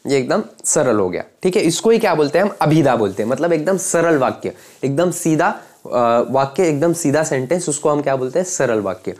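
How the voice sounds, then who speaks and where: A man's voice: on the high side, expressive, a little fast, few pauses, darkish tone. A young man teaching to a camera, explaining each idea with everyday examples and often stopping to ask whether his viewers follow. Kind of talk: explanatory lecture. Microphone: speaking to camera.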